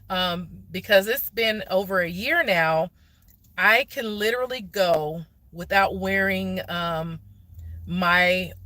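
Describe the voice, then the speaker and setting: A woman with a lowish, fairly bright voice does an impromptu livestream chat from a parked car, talking directly to viewers in a casual, explanatory way. She is a vlogger answering questions, recorded on a phone that is handheld or propped nearby, with no echo.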